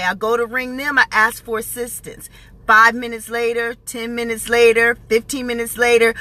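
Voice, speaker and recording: A woman with a high, bright voice tells a personal story to viewers on a live stream. She talks casually and with animation, breaking off now and then to greet people who have joined. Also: rough recording. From New Jersey.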